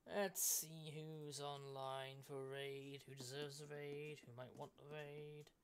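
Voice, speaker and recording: A woman's voice: low voice, level tone, slow pace, a little hiss or hum. A woman livestreaming games in casual chat, musing aloud to viewers. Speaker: game livestreamer.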